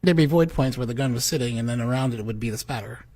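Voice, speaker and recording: A man's voice: mid-range voice, quick pace, darkish tone. A man testifying as a medical examiner in a courtroom recording, giving brief, careful answers under questioning.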